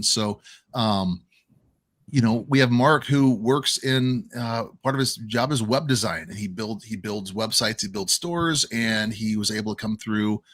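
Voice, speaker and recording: A man's voice: mid-range voice, fairly bright tone, dry recording, clean studio sound. A man hosting a casual online chat, rambling and often repeating and correcting himself over a video call. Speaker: host.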